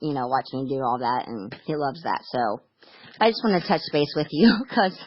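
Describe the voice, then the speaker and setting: A woman's voice: very deep voice, very animated, moderate pace, no room sound, dull audio. A middle-aged woman talking casually on the phone about her sons, rambling with many restarts and stammers. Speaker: mother on a phone call.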